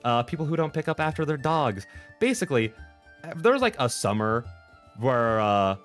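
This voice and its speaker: A man streamer chatting casually in a rambling, expressive way, with exaggerated exasperation. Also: medium pitch, normal speed. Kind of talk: casual livestream chat. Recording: music playing behind the voice. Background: background music.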